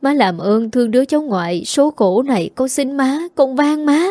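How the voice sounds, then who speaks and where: Narrator doing a weeping young daughter begging her mother, higher voice, dark tone. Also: animated, moderate pace, dry recording. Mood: pleading. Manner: pleading, tearful sobbing delivery. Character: young woman, remorseful runaway daughter begging forgiveness.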